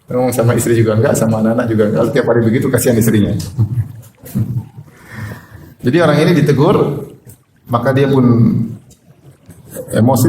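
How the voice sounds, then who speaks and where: A fast-talking male preacher delivers a lively sermon, slipping into higher, heated voices when he quotes angry people. The recording is roomy and echoey, with faint ambient noise underneath. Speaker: Islamic preacher. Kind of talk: sermon, reading and explaining hadith.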